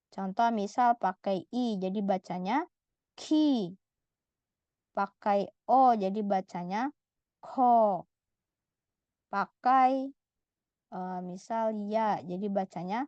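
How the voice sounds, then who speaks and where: Here a woman's mid-range, somewhat mellow voice guides a slow, methodical Korean alphabet lesson, voicing each syllable and then repeating it. There's no room sound, and the audio is a bit dull and lo-fi.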